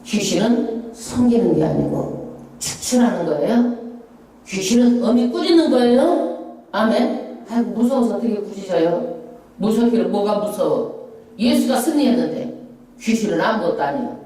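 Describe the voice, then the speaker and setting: A middle-aged woman pastor preaching a Bible-study sermon, stressing her points with rhetorical questions. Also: moderate pace. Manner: emphatic, rhetorical questions, lively swoops in pitch. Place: church sanctuary. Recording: echoey church hall, voice from a distance.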